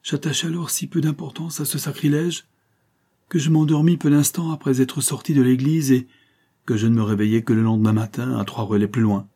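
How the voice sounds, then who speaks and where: A guilt-ridden young officer recounts his tale in an earnest, confessional tone, as a man reads the part. His voice is husky and dark, slightly raised from the reader's usual voice. It belongs to a storybook reading. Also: medium pitch, fairly even intonation, brisk, voice pushed up. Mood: rueful.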